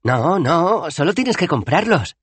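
A man voicing a timid, eager male tourist in an audiobook, talking in an animated, excited way. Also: on the high side, slow pace, husky, dry recording, voice pushed up, heavily acted. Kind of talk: audiobook character voice.

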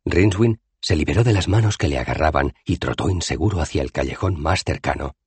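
Deep, husky male audiobook narrator. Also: expressive, brisk, darkish tone, no echo. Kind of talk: scripted narration.

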